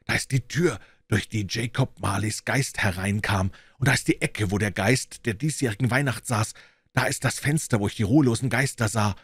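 Male reader doing an old miser, elated, breathless exclamations; low, husky. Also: normal speed, no room sound. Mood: giddy.

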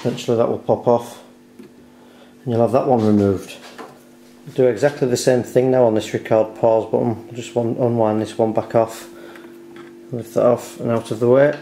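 A man with a mellow, medium-pitched voice talks through a home repair step by step, keeping his tone steady at a normal speed and pausing often as he explains carefully and without hurry. He's sitting at a dining table indoors, and the recording picks up a roomy echo, background hiss, and handling clicks.

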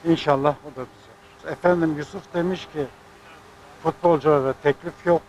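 A man's voice: fairly high pitch, steady tone, fairly quick, darkish tone, a little hiss or hum, poor audio. An older man speaking as a sports club president, making an indignant, rambling statement. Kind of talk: press statement.

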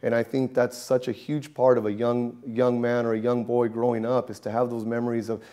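A man's voice: mid-range voice, fairly quick. A man in his thirties, a barber, telling stories in a documentary interview inside a barbershop. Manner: animated storytelling, gesturing.

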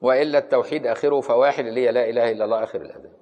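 A man's voice: mid-range voice, fairly even intonation, rapid-fire, long reverb tail, lo-fi sound. A man with an Egyptian Arabic accent teaching Islamic law. He reads from a classical text, then explains it in everyday speech and often asks his listeners whether they follow.

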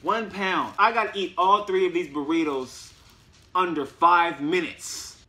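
A young man talking casually in a fitness vlog, profane and joking, with sudden loud yelled bursts. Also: high voice, measured pace. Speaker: fitness vlogger.

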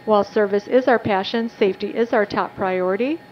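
A woman working as flight purser, giving courteous, scripted announcements over an airliner's cabin loudspeaker. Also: medium pitch, fairly quick. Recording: muffled PA with cabin hum.

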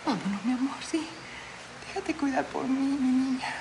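A woman's voice: sits high, normal speed, background noise, lightly acted. An actress playing a mother who tenderly pleads with her daughter to come home, in a telenovela. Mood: pleading. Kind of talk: telenovela acting.

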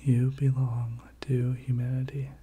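A person giving a whispered pep talk in soft, breathy ASMR style, repeating short encouraging phrases. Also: mid-range voice, flat delivery, measured pace.

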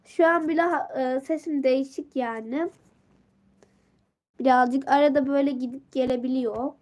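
A woman's voice: high-pitched, fairly even intonation, moderate pace, a little mellow. A teenage girl chatting on a casual live stream, greeting viewers and reading out comments, her voice worn from a sore throat and a stuffy nose.

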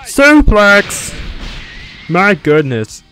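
A man's voice: high voice, very animated, drawn-out words, pushed and bright, soft background music, heavily acted. A man doing an impression voice of a big, playful, vain cartoon villain, taunting in a childish way. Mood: mocking. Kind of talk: cartoon villain impression over fighting game.

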